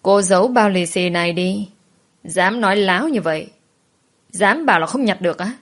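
A woman's voice: on the low side, a little fast, natural voice. A woman voicing a stern, imperious old grandmother who scolds sharply in a storybook reading. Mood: scornful.

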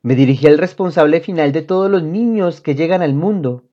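A woman reading a children's book aloud in an expressive storytelling manner. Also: deep voice, fairly quick. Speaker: reader. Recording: dull lo-fi audio.

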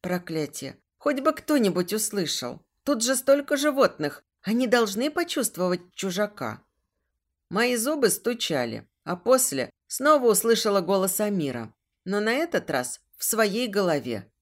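Expressive woman narrating an audiobook. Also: medium pitch, normal speed. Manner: expressive, tense storytelling. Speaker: audiobook reader. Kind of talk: first-person audiobook narration.

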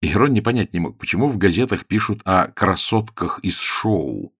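A man narrating an audiobook in an expressive storytelling manner. His voice is slightly husky and his pitch moves animatedly from phrase to phrase. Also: moderate pace, no room sound, clean studio sound.

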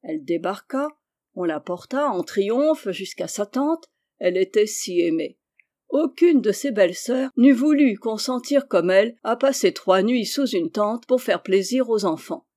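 A woman narrates a classic children's novel in a measured, expressive reading voice. Her pitch sits right in the middle for a woman, and she tells the story in an even, unhurried way. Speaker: audiobook reader. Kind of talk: scripted narration.

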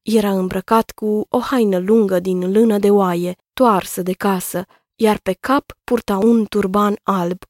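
A woman narrating a children's story in a calm, measured reading voice. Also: medium pitch, dry recording, clean studio sound.

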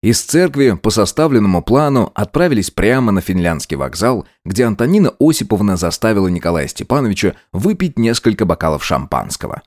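A man narrating an old crime story with a measured but expressive delivery. His voice sits a little low and moves freely up and down. The recording is close and dry, with no room sound. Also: dry recording. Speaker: audiobook narrator.

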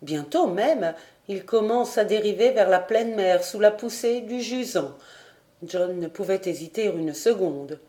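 A woman reading a classic adventure novel aloud in a clear, measured narration. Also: mid-range voice, lively intonation, dark tone. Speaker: audiobook reader. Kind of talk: scripted narration.

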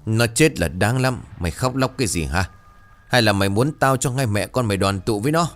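A man's voice: fairly low pitch, expressive, fairly quick, faint music behind, natural voice. A man voicing a cruel, arrogant rich landlord villain, harsh and threatening. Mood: menacing.

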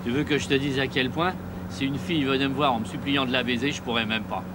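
A man's voice: medium pitch, steady tone, quick pace, close to an everyday voice. An actor playing a crude, grumbling old father in his seventies in a film scene. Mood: lecturing. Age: 70s. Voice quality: foul-mouthed, cantankerous. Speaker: grumpy grandfather in a film clip. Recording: car noise behind the voice. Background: car and street noise.

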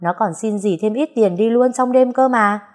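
A woman doing a sharp-tongued village aunt. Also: a little high, moderate pace, voice pushed up, lightly acted. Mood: shocked. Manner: scolding, snappish. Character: middle-aged aunt, sharp-tongued, scolding neighbors.

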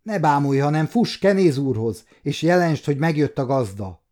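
A man voicing a firm, curt nobleman knight in an audiobook, speaking in a dark, mellow tone. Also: fairly high pitch, expressive, natural voice. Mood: commanding.

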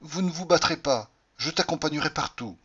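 A man reading an audiobook voices a pale, tearful young woman who speaks high, breathless and pleading. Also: animated, fairly quick, fairly bright tone, slightly rough. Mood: insistent. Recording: slightly dull lo-fi recording.

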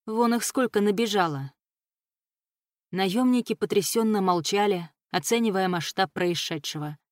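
A woman narrating a fantasy audiobook with a steady, expressive reading. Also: medium pitch, dry recording, clean studio sound. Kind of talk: scripted narration of a fantasy novel.

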